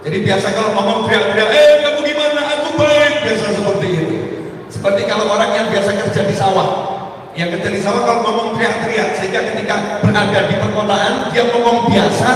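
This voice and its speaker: A man from Indonesia preaching a sermon in a lively, casual and emphatic storytelling manner. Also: sits high, fast. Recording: echoey hall from far off.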